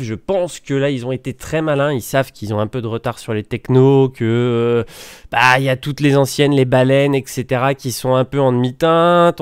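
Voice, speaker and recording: Male gaming vlogger, chatty and colloquial, crisp dry voice. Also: medium pitch, dry recording. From France. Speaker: gaming YouTuber. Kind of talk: casual news vlog. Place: countryside home.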